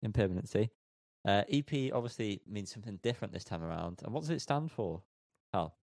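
A man's voice: lowish voice, animated, brisk, creaky, darkish tone, no room sound, clean studio sound. A man co-hosting a music podcast, joking around and tripping over band names. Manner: jokey, laughing, stumbles over names. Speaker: podcast co-host reviewing music. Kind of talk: casual chat.

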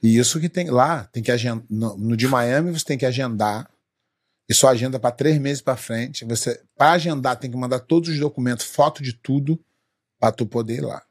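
A man's voice: medium pitch, moderate pace, husky, dry recording. A Brazilian man with a Brazilian Portuguese accent, co-hosting a casual talk show and telling a wry, laid-back story. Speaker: podcast co-host.

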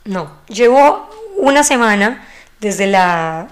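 A woman, a mother of three, chatting as host and reacting warmly to her guest with lively asides. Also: fairly high pitch, normal speed. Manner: chatty and expressive, acts out quoted voices. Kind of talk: casual talk-show chat.

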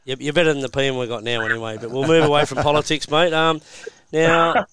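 A male Australian radio host with the matey, colloquial manner of a tradesman. He talks fast in a clear, smooth voice. The sound is close and dry, suited to a casual sports interview. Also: on the high side, flat delivery, fairly bright tone, no echo.

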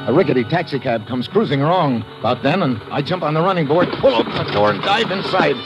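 Loud music fills a dull old radio recording as a gravelly, slightly high-voiced actor talks fast and expressively. He plays a sardonic, wisecracking American adventurer telling his own tale in a 1940s-50s radio adventure, his first-person narration tense, wry and full of slang.

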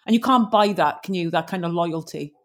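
A woman's voice: on the low side, brisk. A woman interviewing guests in a casual chat, tagging her points with questions like "right?". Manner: chatty, says "right?" a lot. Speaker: interviewer and author.

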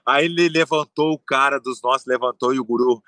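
A man telling a long story in casual chat, animated and swearing, acting out what others said. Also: medium pitch, fairly quick, dry recording. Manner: animated, swearing, acts out quotes. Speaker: storyteller guest.

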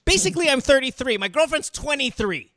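A man's voice: very high voice, lively intonation, a little fast, a bit bright, no echo, studio quality. A man hosting a call-in advice show, blunt, impatient and heavy on profanity. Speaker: radio show host.

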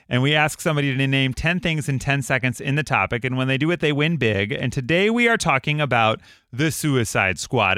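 A man's voice: medium pitch, pushed and bright, clear, resonant tone, no echo, clean studio sound. Upbeat chatty man hosting a podcast. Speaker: radio podcast host. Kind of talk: casual podcast chat.

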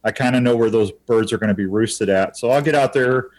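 A man with a mid-range voice speaks briskly as a podcast guest in a casual interview. A turkey bowhunter, he walks through his hunting methods step by step in a folksy, easygoing way.

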